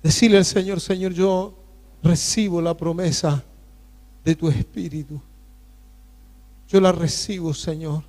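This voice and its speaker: A male pastor leading a fervent, pleading prayer during a church sermon, with many pauses. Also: fairly high pitch, fairly even intonation, a little mellow, long reverb tail. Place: church sanctuary.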